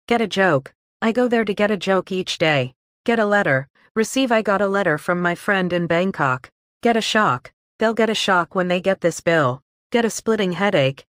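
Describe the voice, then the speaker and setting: A woman slowly reading a list of English phrases, each followed by an example sentence. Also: mid-range voice, no echo, studio quality. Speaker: English teacher.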